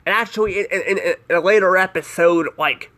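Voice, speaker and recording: A man's voice: high voice, fairly quick, bright, forceful tone. A man giving a casual spoken review of a cartoon episode, rambling and hesitant, filling gaps with "like" and "I don't know".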